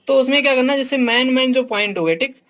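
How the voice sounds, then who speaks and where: A man with a very high, slightly bright voice talks fast in a casual teaching session, reviewing books for exam students. Blunt and frank in his opinions, he speaks directly to them as "my dear" and tacks "ठीक" (theek) onto nearly every phrase.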